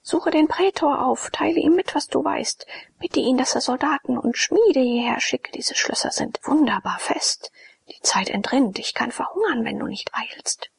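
A woman's voice: sits high, lively intonation, normal speed, gravelly, slightly rough, in a whisper, voice pushed up, heavily acted. A woman voicing a desperate male priest locked in a cellar, pleading and then swearing revenge. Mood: urgent.

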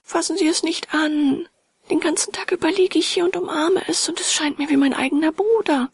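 A woman's voice: very high-pitched, brisk, no echo, voice pushed up. A woman voicing a frightened, grief-stricken little boy who pleads while sobbing, in a whispered role-play. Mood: tearful pleading. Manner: sobbing, begging.

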